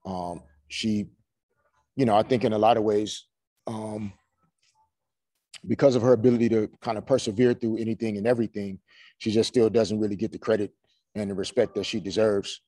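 A man in his forties, a head coach answering postgame press questions in a measured way, full of "you know" fillers, over a video call. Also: on the low side, fairly even intonation, dark tone, no room sound. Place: small room before a team logo backdrop. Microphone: video call webcam.

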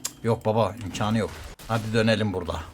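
A man streaming a game, talking fast to viewers and teammates, swearing casually and getting excited by turns. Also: lowish voice, slight background noise. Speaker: gaming streamer. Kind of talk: live gameplay commentary.

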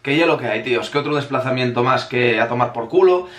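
A man's voice: mid-range voice, fast, fairly bright tone. A man giving a sarcastic football opinion rant, with heavy swearing. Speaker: football fan vlogger. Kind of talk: ranting match opinion. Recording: roomy echo.

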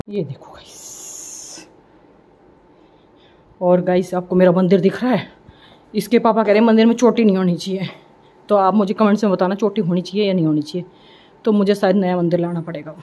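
A woman's voice: fairly low pitch, mellow, slightly rough. A woman in her forties chatting casually in a home vlog, breathless from cleaning and complaining with a self-deprecating tone. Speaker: vlogger, mother. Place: home, indoors.

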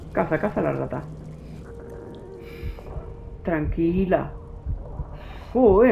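A man's voice: sits high, creaky, darkish tone, slight background noise. A man with a Spain Spanish accent doing let's play commentary, talking to his game character and nervously pleading. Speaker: gaming youtuber.

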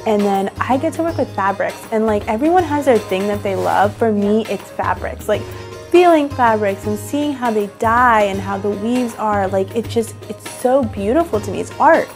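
Seated indoors facing an interviewer, a young woman, a fashion designer with her own boutique, shares her story earnestly and chattily, peppering it with "like." She speaks at medium pitch and moderate pace over soft background music.

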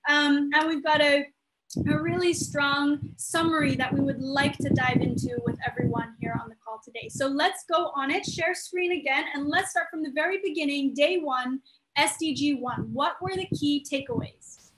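Speaking at a normal speed in a steady, high voice, a nineteen-year-old woman hosts a youth group video call she founded. She's chatty, upbeat and laughs a lot, recorded on a laptop webcam in a small room indoors with background noise audible.

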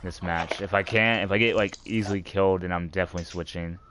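A man's voice: low-pitched, steady tone, fast talker, a little hiss or hum. A man streaming a team shooter live, chatting and laughing as he plays. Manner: chatty, laughing, reacting loudly to the game. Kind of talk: live gameplay chat.

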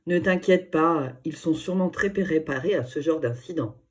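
A woman's voice: sits low, normal speed, lightly acted. A woman reading a storybook, voicing a cheerful, reassuring father in a jovial tone.

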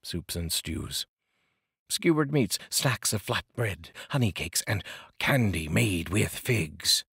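A middle-aged man who hosts a channel reads poetry expressively, with deliberate, dramatic phrasing and a very low, husky voice whose pitch sweeps lively up and down. He records indoors in a small curtained home studio, close to a boom-arm studio microphone with a pop filter. The space is dry, with no echo.

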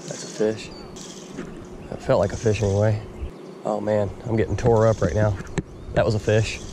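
Fishing from his kayak on a river, an Indiana vlogger talks excitedly to his body camera in a fairly low voice at normal speed. He's young, tired, slightly hoarse, and rambles casually while he fishes. The action cam on his head or chest picks up plenty of outdoor noise.

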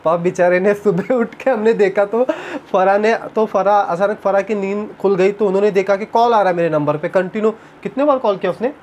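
A man's voice: high-pitched, brisk, hardly any pauses, a little hiss or hum. Young man telling a story at home. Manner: chatty storytelling, animated retelling. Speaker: vlogger. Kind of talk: casual chat. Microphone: camera on tripod.

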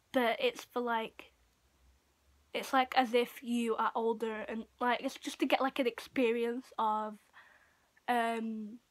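A Portuguese girl of about 15 vlogs casually to camera from a small room at home, doing chatty show-and-tell. She speaks haltingly at a fairly high pitch, saying "like" often and trailing off. A built-in device mic picks her up from arm's length or a bit further.

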